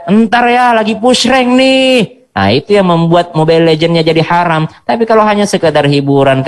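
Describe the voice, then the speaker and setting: Playful young preacher. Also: male voice, fairly high pitch. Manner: playful and chatty, with chanted Quran recitation. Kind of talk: sermon to school students. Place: virtual school event.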